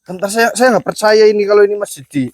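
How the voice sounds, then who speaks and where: A man exploring outdoors at night on a ghost hunt, wary and excitable, loudly challenging what he meets. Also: sits high, fast, dry recording. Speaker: ghost-hunting vlogger.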